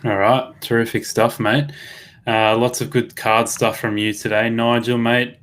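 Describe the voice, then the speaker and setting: Upbeat Australian host calling everyone mate. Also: male voice, medium pitch, little pitch movement, a little slow, a bit bright. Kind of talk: live betting stream chat.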